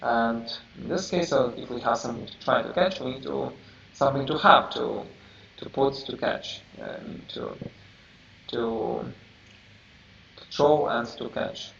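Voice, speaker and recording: A man teaching a programming class, halting and searching for words as he explains, heard from a distance. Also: medium pitch, vocal fry, a bit bright. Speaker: programming instructor. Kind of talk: live coding lecture. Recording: roomy, distant, dull lo-fi mic with faint hiss.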